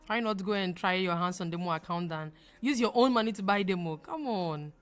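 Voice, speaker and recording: Hosting a live trading stream, a young Ghanaian woman answers her viewers briskly in a voice on the low side, with a Ghanaian accent. She's talkative and emphatic, laughing easily and repeating phrases, while soft music plays in the background.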